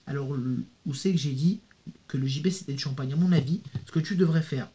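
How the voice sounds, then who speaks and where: In this dull, lo-fi vlog clip, a young YouTuber reads out comments from viewers and rambles through slangy replies straight to camera. His mellow voice sits on the higher side, and he speaks a little quickly.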